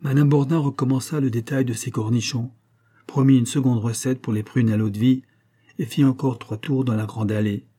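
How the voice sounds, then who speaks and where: Guy narrating a classic novel audiobook, husky low-key voice, calm steady pace. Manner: measured, even storytelling. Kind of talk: literary audiobook reading.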